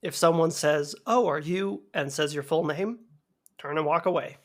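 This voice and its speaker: A woman's voice: deep voice, fairly even intonation, normal speed. A woman co-hosting a comedy podcast, riffing and joking along. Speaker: podcast co-host. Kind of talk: casual comedic chat.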